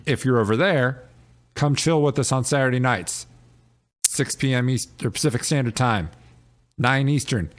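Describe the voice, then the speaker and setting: A man's voice: medium pitch, normal speed. A man hosting a casual gaming podcast, joking loosely with his co-hosts and sometimes mumbling and trailing off as he reads out where to find the show. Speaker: podcast host.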